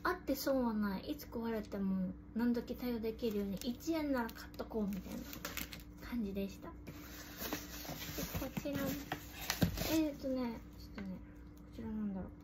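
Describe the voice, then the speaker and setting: High, girlish anime-voiced woman. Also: moderate pace, long pauses. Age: young adult. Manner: cute, girlish anime-style voice. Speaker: host of an unboxing vlog. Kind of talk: casual chat to camera while unboxing. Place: room at home. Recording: noisy room, rustling and clicks.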